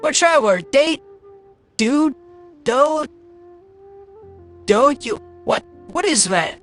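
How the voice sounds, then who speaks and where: Here a streamer sits high in pitch with lively intonation, speaking slowly in a fairly bright tone. The casual livestream gaming commentary is blunt, exasperated and grumbling, likely through a voice changer, with game music behind it.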